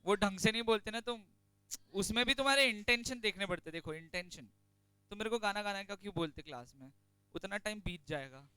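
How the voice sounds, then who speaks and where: A man teaching a class, chatty and joking, slowing right down to dictate notes. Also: high-pitched, sharp tone, clean tone, no room sound. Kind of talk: classroom lecture on company law.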